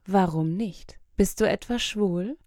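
A woman's voice: mid-range voice, takes it slowly, dark tone, no echo, clean studio sound, lightly acted. A woman voicing a bold, mocking young woman in an audiobook, coy and taunting. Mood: teasing. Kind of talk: audiobook character voice.

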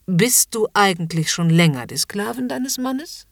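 A woman's voice: medium pitch, animated, unhurried, creaky, dry recording, studio quality. A woman voicing a haughty, domineering upper-class lady in a commanding, mocking whispered role-play.

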